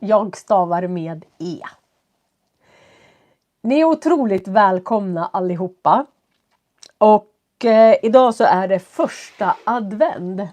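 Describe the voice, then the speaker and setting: A woman with a stuffy nose and a cough, teaching from home and talking slowly and clearly for learners as she greets viewers on a live stream. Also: medium pitch, lively intonation, a little mellow. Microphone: computer setup.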